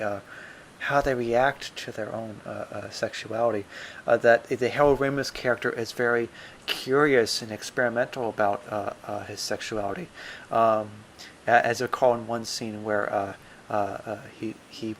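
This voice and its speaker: A man's voice: medium pitch, fairly bright tone, a little hiss or hum. A polite, fumbling male interviewer. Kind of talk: improvised comedy sketch.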